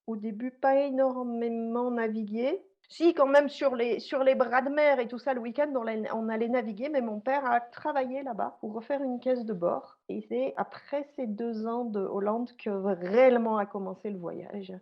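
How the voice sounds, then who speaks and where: A Swiss-born woman telling her life story as a podcast guest, pausing often with fillers and restarts. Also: a little high, muffled recording. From Switzerland. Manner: hesitant, many fillers and restarts. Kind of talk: conversational interview storytelling.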